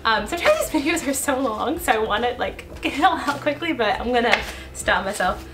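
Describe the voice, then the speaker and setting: A young woman, a vlogger and YouTuber talking fast and chattily to her viewers. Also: a little high, big pitch swings, background noise. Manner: fast, chatty, laughing asides. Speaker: YouTuber and blogger. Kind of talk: casual vlog commentary.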